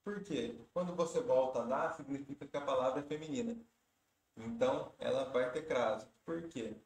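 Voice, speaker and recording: A man's voice: mid-range voice, moderate pace, a little mellow. Brazilian male exam-prep teacher, methodical explainer, roomy echoey sound. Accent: Brazilian Portuguese. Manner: explanatory, step-by-step, with tips. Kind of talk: walking through exam questions.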